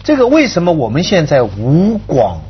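A man's voice: a little high, huge pitch swings, normal speed, dull audio, slight background noise. A man debating casually as a talk show panelist, listing his points and pressing them with rhetorical questions. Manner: argumentative, enumerates points, asks rhetorical questions.

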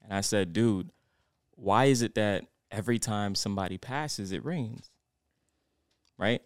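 Co-hosting a podcast, a young man tells a personal story in a reflective, rambling way full of fillers during casual chat. His voice is fairly low and a little slow, recorded in studio quality with no echo.

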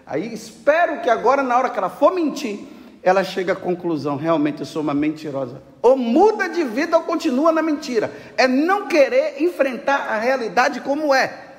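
A man with a Brazilian Portuguese accent preaching a sermon, animated, with rhetorical questions. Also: very high-pitched, moderate pace, roomy sound, big-room sound.

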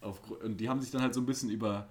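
A man's voice: fairly low pitch, fairly even intonation, very fast, a little mellow. A young man co-hosting a podcast, chatting casually, joking around and telling stories. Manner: joking, storytelling, self-styled class clown. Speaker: podcast co-host. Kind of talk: casual chat.

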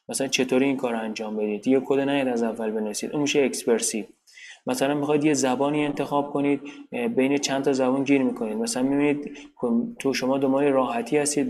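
A man's voice: mid-range voice, a little mellow, slight background noise. A man giving an informal spoken programming lesson, explaining step by step, often restarting and repeating himself. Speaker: programming teacher.

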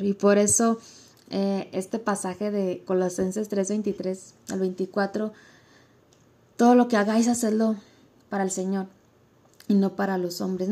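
Young woman, church leader, informal devotional talk, warm mellow tone, repeats phrases. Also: mid-range voice. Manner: conversational, repeats phrases for emphasis.

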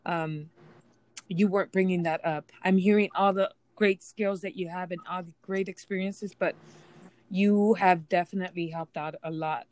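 A woman's voice: lowish voice, steady tone, normal speed, darkish tone, dry recording. A woman in her thirties chatting earnestly, heartfelt and a little dramatic. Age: 30s. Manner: earnest, dramatic, restarts often. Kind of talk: casual chat.

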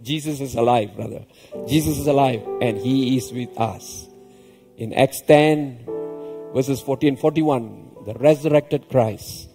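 A pastor giving an animated sermon, repeating key phrases with emphatic rises and chuckling between points. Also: male voice, medium pitch, unhurried, faint music behind. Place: church hall. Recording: long reverb in a large hall.

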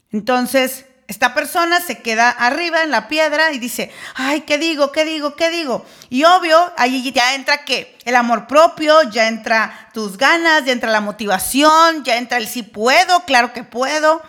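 High-voiced woman giving an emphatic motivational talk. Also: pushed and bright. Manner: emphatic, rhetorical questions. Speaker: coach.

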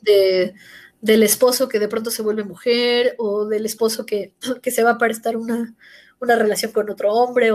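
A woman in her thirties with a Mexican accent, chatting casually and telling personal stories, acting out what others said. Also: mid-range voice. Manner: animated storyteller acting out quoted voices. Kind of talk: casual chat.

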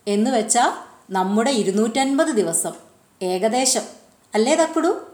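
A woman voicing a kindly male schoolteacher who explains gently. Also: a little high, expressive, measured pace. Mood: instructive. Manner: gently instructive. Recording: roomy echo.

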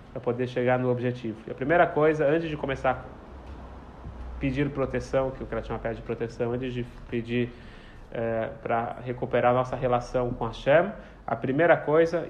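Man teaching a prayer, slightly muffled. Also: mid-range voice. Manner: explanatory, storytelling, repeats phrases. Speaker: Torah teacher. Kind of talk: teaching a prayer text to a small group. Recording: slightly dull, faint background noise.

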